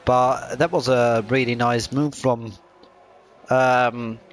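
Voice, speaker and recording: A man doing live commentary on a sim racing event, pausing often with ums. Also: mid-range voice, steady tone. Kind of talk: live esports race commentary. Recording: clear background noise.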